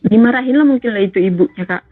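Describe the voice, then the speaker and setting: An emotional personal story comes from a female caller on a thin, tinny phone connection, and she keeps addressing the host as "Kak." She speaks quickly and earnestly in a higher-pitched voice, with no echo and faint music in the background.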